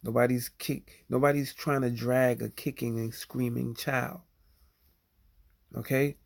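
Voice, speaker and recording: A man's voice: medium pitch, little pitch movement, unhurried, creaky. A man talking bluntly to viewers in a rambling casual livestream monologue, leaning on "you know" and "okay?" as he goes.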